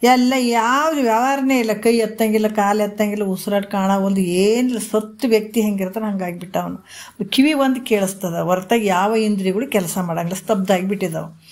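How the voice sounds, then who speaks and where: A woman delivers a spiritual discourse at a medium pitch. She keeps it earnest and conversational, and she often asks her listeners rhetorical questions as she tells a parable. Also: fairly even intonation, a little fast, a little mellow. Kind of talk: religious discourse with storytelling.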